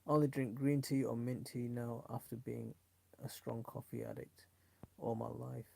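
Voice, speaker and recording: He has a gravelly, darkish, mid-range voice, flat in delivery and moderate in pace. This middle-aged Yorkshire-accented man from South Yorkshire hosts a live stream, rambling casually and reading viewers' comments in a pally tone.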